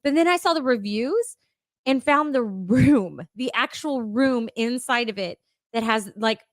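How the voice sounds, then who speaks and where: A woman's voice: fairly high pitch, expressive, a little slow, no echo. Chatty laughing woman, dry close mic. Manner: chatty, laughs often, many fillers. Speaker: podcast co-host. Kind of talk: casual chat.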